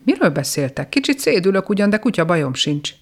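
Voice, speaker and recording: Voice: mid-range voice, very animated, pitched above the performer's own voice. A storyteller voicing a fretful, bewildered little gnome with a puzzled, anxious manner, in a storybook reading. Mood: earnest.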